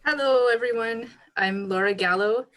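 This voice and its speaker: A woman's voice: on the high side, normal speed, a bit bright. A woman introducing herself on a video call, friendly and lightly laughing. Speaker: participant, former staff.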